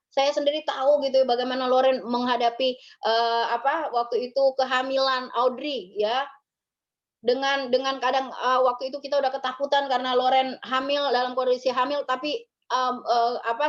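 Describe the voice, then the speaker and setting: A woman's voice: sits high, highs cut off. A woman pastor giving a conversational memorial sermon, often ending her phrases with little tag words. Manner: conversational, tags phrases with ya and gitu.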